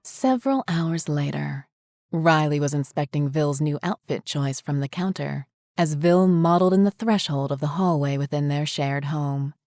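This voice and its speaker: A woman narrating a horror short story in a measured, descriptive way. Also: low voice, a little mellow, no room sound.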